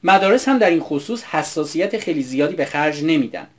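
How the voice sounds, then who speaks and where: A man's voice: fairly high pitch, lively intonation. A man from Iran narrating an English pronunciation lesson in a scripted, explanatory, upbeat way. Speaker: English teacher.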